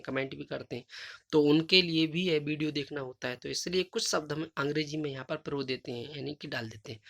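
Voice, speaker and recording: A man teaching a Sanskrit lesson, reading questions slowly and emphatically, then explaining them in casual Hindi. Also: on the high side, a bit bright. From India. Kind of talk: recorded classroom lesson.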